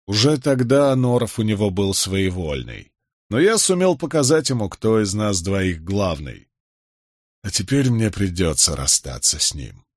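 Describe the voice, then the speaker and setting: A man's voice: on the low side, big pitch swings, a little slow, dry recording, studio quality. A man voicing a weary, disgraced middle-aged nobleman, with a heavy, sighing delivery in an audiobook reading.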